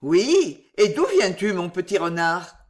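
A smug male cat perched out of reach in a storybook tale, giving short, teasing replies with lively pitch, as a reader puts him on. He is cool and wary. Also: measured pace. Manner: curt, teasing.

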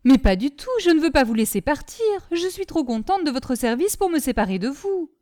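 A stern lady of the house, impatient and sharp-tongued, firing off questions in a raised voice, as a woman reader acts her out. The tone stays mellow and is recorded dry and close in a storybook reading. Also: high voice, very animated, a little fast, no echo. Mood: irritated.

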